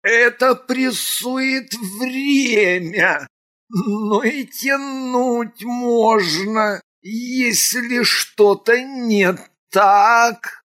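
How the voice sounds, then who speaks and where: A woman narrator puts on a rattling, creaky-voiced court mage who barks stern orders. He stretches his words out slowly and raises his voice to insist. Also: fairly high pitch, fairly bright tone, voice pushed up. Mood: insistent. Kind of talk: audiobook character voice.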